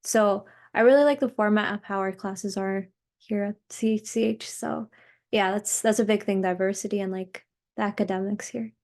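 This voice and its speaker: A woman's voice: medium pitch, normal speed. A teenage girl from New Jersey answering panel questions casually, with many "like"s. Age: teens. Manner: relaxed, many "like"s. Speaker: student panelist.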